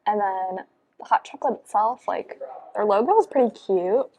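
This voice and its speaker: Young woman, bubbly casual vlog chat, mid pitch, cafe. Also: moderate pace, a little mellow. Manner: bubbly, many fillers like "like" and "um". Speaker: vlogger. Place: cafe, indoors, on a couch.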